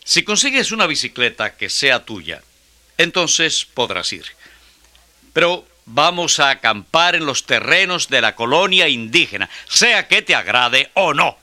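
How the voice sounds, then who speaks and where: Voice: mid-range voice, big pitch swings, unhurried, pushed and bright, heavily acted. An actor playing a bossy, rule-minded boy who leads a club in a children's audio drama. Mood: bossy, decisive.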